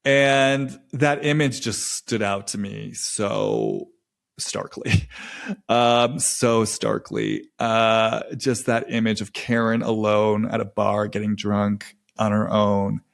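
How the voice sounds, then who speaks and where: A man hosting a podcast, talking through a reflective solo monologue in a halting, slow way with many restarts. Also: lowish voice, creaky. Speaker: podcast host.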